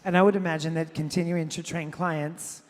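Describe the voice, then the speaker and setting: A woman interviewer asking measured, prepared questions on stage in front of a live audience. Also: deep voice, steady tone. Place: large hall before a live audience. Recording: long hall reverb.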